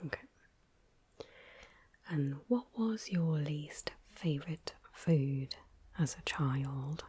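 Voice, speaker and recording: A woman whispering softly and gently through an ASMR interview roleplay. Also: deep voice, animated, breathy edge. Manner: soft, slow, gentle whispering. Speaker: ASMR creator.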